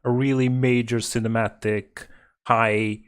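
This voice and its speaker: A man's voice: mid-range voice, measured pace, clean tone. A man co-hosting a casual podcast, talking in a rambling, hesitant way with many restarts and fillers, laughing often. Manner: laughs often, animated when mimicking quotes. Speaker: podcast co-host. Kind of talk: casual chat.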